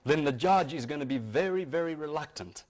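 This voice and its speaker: A man's voice: a little high, animated, fairly quick, a little mellow. A man giving an informal, earnest talk to a live audience. He often stumbles, restarts and repeats words as he explains. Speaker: speaker addressing an audience.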